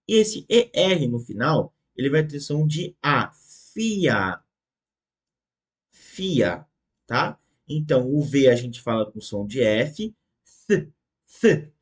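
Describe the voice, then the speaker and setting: A man teaching a German lesson online, slowly and patiently repeating words for the learner and checking in often. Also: medium pitch. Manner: ends phrases with checking tags.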